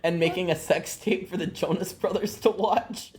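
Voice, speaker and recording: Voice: medium pitch, steady tone, normal speed, darkish tone, slight background noise. A co-streamer chatting casually on a gaming stream, teasing and telling stories with animation.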